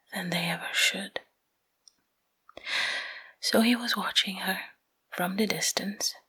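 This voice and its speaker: A woman with a medium-pitched voice whispers a bedtime story ASMR-style, close to the microphone. Her hushed, breathy voice moves in short phrases broken by pauses.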